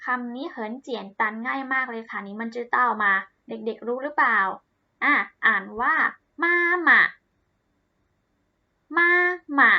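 A woman teaching a language lesson to children, cheerful and encouraging, saying words slowly and repeating them for pupils to copy. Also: fairly high pitch, highs cut off.

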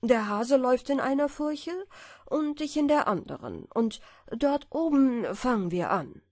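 A woman voicing a gruff, bossy male hedgehog in a fairy-tale reading, speaking slowly and curtly. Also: high voice, expressive, a little mellow, no room sound, studio quality, exaggerated voice. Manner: curt, slow and commanding.

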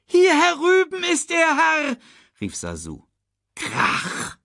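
Guy reading a kids story slow and dramatic, voice goes up and down a lot, super dry sound. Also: dry recording. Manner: slow and dramatic, very lively in pitch. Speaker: audiobook reader. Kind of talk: storybook narration.

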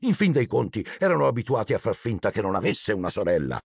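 A man narrating an audiobook in an expressive storytelling manner. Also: on the low side, fast, creaky, breathy edge, dry recording, studio quality. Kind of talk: scripted narration.

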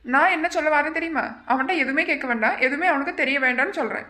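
Quick-talking worried cartoon husband fretting over his sister, highish voice. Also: pushed and bright. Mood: troubled. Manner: troubled, brooding. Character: worried husband and older brother. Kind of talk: cartoon family drama.

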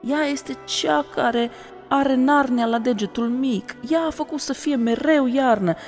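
A remorseful male faun in a storybook, lamenting through sobs, as a woman narrator puts him on. The voice is pitched fairly high, with a long reverb tail and faint music underneath. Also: a little mellow. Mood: sobbing. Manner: sobbing, lamenting.

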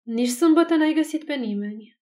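A portly, self-important older man speaks in a pompous, measured way. The woman narrating plays him close to her own fairly high voice. Rather than acting him fully, she keeps the figure plain. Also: steady tone, darkish tone, close to an everyday voice. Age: 60s.

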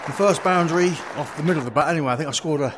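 A man giving relaxed, chatty running commentary on his own play in a VR cricket game, with quick exclamations. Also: a little high, some chatter behind. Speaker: gaming video creator. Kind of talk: live commentary while playing a VR cricket game. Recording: steady background noise.

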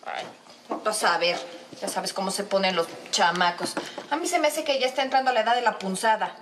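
A woman's voice: medium pitch, a little fast, noisy background, lightly acted. An actress playing a strict, impatient mother who scolds in an exasperated way. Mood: scolding.

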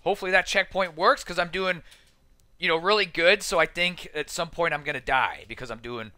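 A man giving casual, chatty let's-play commentary as he plays a game on the keyboard, excitable and self-deprecating, with frequent exclamations. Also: fairly high pitch, fairly quick. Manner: talks to himself while playing on a keyboard. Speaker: gaming video host.

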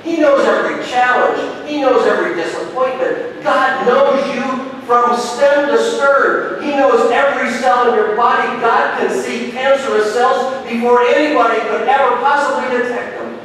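A middle-aged man preaching a sermon from a pulpit, telling stories and swinging between booming emphasis and hushed, quiet passages. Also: moderate pace, few pauses. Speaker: pastor. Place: large church sanctuary, at a pulpit. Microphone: pulpit gooseneck mic. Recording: echoey church hall from a distance, with rumble.

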